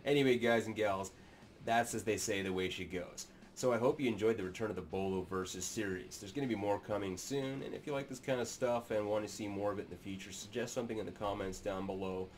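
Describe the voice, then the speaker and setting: With a lowish voice and a quick pace, a sci-fi channel host in his thirties sits in a small room and delivers crude, sarcastic, mock-serious commentary to his webcam. There's slight background noise.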